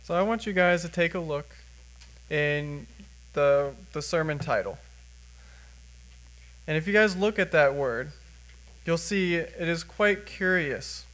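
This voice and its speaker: A man's voice: on the high side, slow, pauses often, fairly bright tone, rough recording. A young American man giving a sermon with personal testimony as a first-time preacher, speaking plainly and earnestly. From United States.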